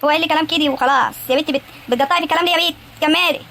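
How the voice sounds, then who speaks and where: A woman's voice: high voice, racing, pushed and bright, a little hiss or hum. A woman with an Egyptian accent voicing a bossy, caring young wife and older sister in a cartoon comedy, prying and giving advice. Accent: Egyptian Arabic. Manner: teasing, prying, advising. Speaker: voice actor in animated comedy. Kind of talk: animated cartoon acting.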